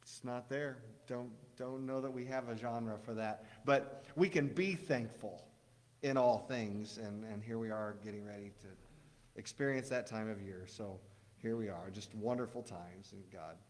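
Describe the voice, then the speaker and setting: A man's voice: on the low side, fairly even intonation, unhurried. A middle-aged man preaching a casual sermon, rambling with restarts and telling jokes. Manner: rambling, warm storytelling with restarts. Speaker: pastor. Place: church sanctuary. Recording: long church hall reverb.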